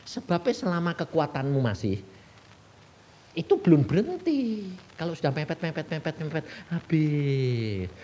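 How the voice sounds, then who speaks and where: A Javanese Indonesian-accented evangelist preaches in a folksy manner, quizzing his congregation and then answering each question himself. His voice is a little high with a darkish tone.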